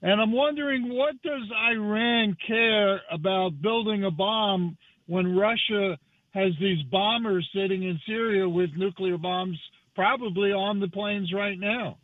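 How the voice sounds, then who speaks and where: Male caller on a phone line: high voice, slow and halting, thin and tinny. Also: no room sound. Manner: halting, with many fillers. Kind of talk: call-in question to a radio host.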